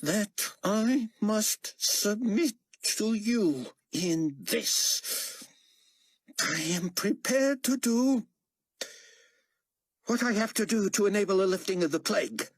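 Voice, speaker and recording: A man doing a seething male tyrant in an audiobook, pitched far above his own voice and pushed hard with strain. The delivery is commanding and bitter, dry and close to the mic, with a husky edge. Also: lively intonation, takes it slowly, no echo, exaggerated voice. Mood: grudging. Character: imperious male world ruler, seething and threatening.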